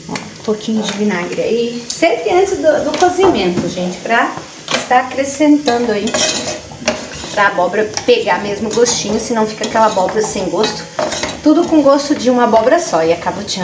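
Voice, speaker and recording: A woman in her forties chatting casually through a home cooking vlog, recorded by a camera across her kitchen. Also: a little high. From Brazil. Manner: chatty, keeps saying "gente" and "ó". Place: home kitchen with tiled walls. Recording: echoey kitchen with cooking noise.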